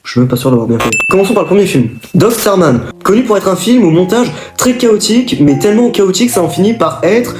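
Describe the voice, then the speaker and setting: A man's voice: sits high, lively intonation, fast talker, few pauses. A man hosting an improvised video on film genres, rambling with fillers and self-corrections. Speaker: video host. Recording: echoey room with music behind.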